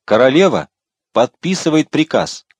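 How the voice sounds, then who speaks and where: A man's voice: deep voice, lively intonation, fairly quick, no room sound. A man reading as a shrewd, self-assured churchman. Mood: proclaiming. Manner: self-assured, loud proclamations. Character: shrewd confident male churchman, adult.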